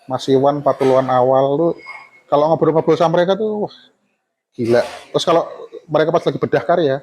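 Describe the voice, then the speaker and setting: A man's voice: fairly high pitch, quick pace, darkish tone. A man in his forties, an architect guest telling stories casually, often laughing and dropping into Javanese phrases. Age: 40s. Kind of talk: casual storytelling conversation.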